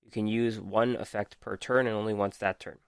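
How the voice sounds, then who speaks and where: A man's voice: on the low side, steady tone, normal speed, clean tone, no room sound, studio quality. A man hosting a podcast, methodically reading out card text and reviewing it with frequent ums while losing his voice. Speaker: podcast host. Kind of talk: casual card game review.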